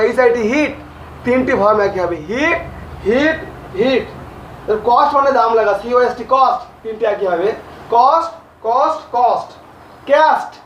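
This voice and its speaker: A male English teacher, teaching grammar to a class slowly, repeating and spelling out each word. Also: very high-pitched, fairly bright tone, slight background noise. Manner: slow, repeats and spells out words. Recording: echoey, distant, dull lo-fi audio.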